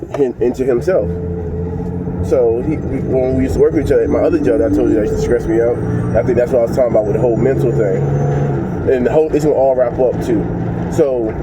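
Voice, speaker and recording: A man's voice: mid-range voice, steady tone, fairly quick. A man with a congested voice, chatting loosely to his viewers with lots of fillers and restarts while he drives. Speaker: vlogger. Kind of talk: casual talk to viewers while driving. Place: inside a moving vehicle. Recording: dull lo-fi sound with loud road noise.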